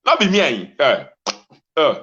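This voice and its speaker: In a fairly high, pushed and bright voice with huge pitch swings, a Nigerian-accented talk show host rants passionately in Pidgin to his audience at a normal pace. He's exclamatory and keeps insistently repeating phrases, on dull, lo-fi audio.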